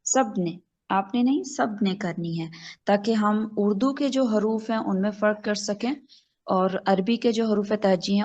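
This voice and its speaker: A woman's voice: medium pitch, muffled recording. A woman teaching an online class over a video call, patiently correcting her students step by step. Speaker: Quran recitation teacher.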